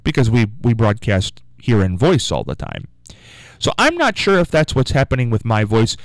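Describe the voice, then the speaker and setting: A man with a mid-range voice and wildly swooping pitch hosts a morning call-in show from a radio studio, speaking at a moderate pace into a studio microphone. His talk is casual, rambling and musing, and he keeps urging listeners to phone in. There's no echo, though the recording quality is low.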